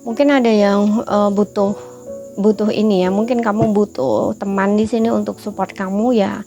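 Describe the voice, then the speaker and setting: Woman doing a tarot reading, gravelly mellow voice, chatty and reassuring, soft music behind. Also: medium pitch, steady tone, moderate pace. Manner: chatty, reassuring, many fillers. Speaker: tarot reader. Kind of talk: casual spoken tarot reading.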